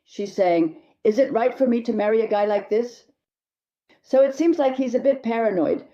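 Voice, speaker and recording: A woman marriage therapist answers viewer questions, speaking straight to the listener with blunt, emphatic advice. Her voice is medium-pitched and warm, with the highs cut off.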